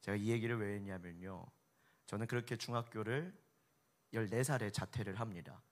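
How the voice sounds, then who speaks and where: A man, an evangelist, telling an emotional testimony on a concert stage, with vivid storytelling that swings between hushed and loud. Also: on the low side, moderate pace.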